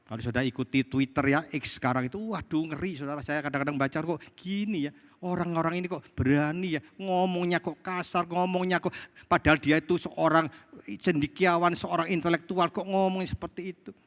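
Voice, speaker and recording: A man preaches in an Indonesian accent, lurching from loud, high exclamations to low, quiet asides and answering his own questions to the congregation. His voice sits high for a man. The sound hangs in the long reverb of a church hall. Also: fairly even intonation, a little fast. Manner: rhetorical questions answered himself, addresses congregation as saudara. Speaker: pastor. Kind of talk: sermon.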